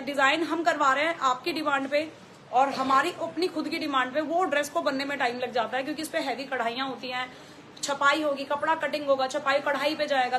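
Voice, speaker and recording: A woman with a high, bright voice and a Delhi accent hosts a live clothing sale, chatting and repeating her prices. Faint noise from the shop is heard behind her. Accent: Delhi Hindi with English mixed in. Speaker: clothing store owner selling live. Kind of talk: live sales stream.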